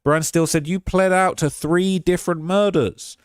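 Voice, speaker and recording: A man recapping courtroom testimony by reading his own notes aloud, pushing up his voice for the quotes and dropping it low for the asides. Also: steady tone, moderate pace, clear, resonant tone, no room sound, clean studio sound. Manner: relays quotes in a rising, emphatic tone, asides dropped low and quiet.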